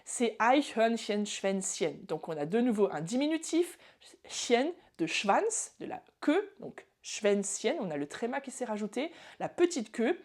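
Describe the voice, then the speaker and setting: A woman teaching a video lesson, explaining pronunciation in a lively way, speaking straight to the viewer and slowing down to model example words. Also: fairly high pitch. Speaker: German language teacher.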